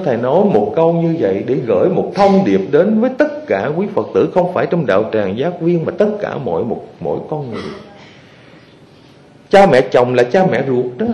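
A man, a Buddhist monk, preaching to his followers in a lively storytelling manner and often asking the audience questions. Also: medium pitch, a little hiss or hum. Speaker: Buddhist monk giving a dharma talk. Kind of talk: sermon to lay followers. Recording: echoey hall.

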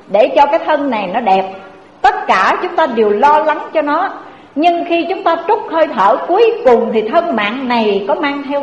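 A woman's voice: on the high side, dull audio, slight background noise. A woman giving an earnest Buddhist sermon, telling a parable and turning to her listeners again and again. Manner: earnest, addresses the audience directly again and again. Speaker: Buddhist preacher. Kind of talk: sermon with storytelling. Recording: echoey hall with faint ambience.

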